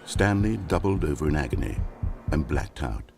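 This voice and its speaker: A man's voice: very deep voice, big pitch swings, normal speed, vocal fry, full character voice. A man narrating a video game story in a dry, wry, theatrical way. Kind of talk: scripted narration. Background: game music.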